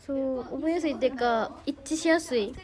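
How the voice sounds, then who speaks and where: Bubbly high-voiced teen girl with Kansai accent. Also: fairly quick, darkish tone. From Hyogo, Japan. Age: teens. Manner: bubbly, thanks viewers by name, refers to herself by name. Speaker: idol livestreamer. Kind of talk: casual livestream chat reading viewer comments.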